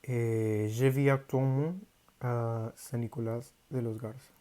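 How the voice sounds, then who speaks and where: A teenage boy from Mexico, a native Spanish speaker with a Mexican Spanish accent, reading a prepared class presentation in a careful, halting learner's way. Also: mid-range voice, fairly even intonation, dark tone. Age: teens. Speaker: high school student.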